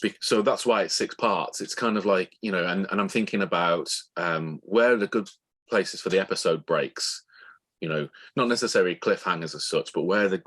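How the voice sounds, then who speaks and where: An author of novels and audio dramas appears as an interview guest, thoughtfully and conversationally explaining his writing. He speaks in a low, slightly bright voice and often rephrases mid-sentence.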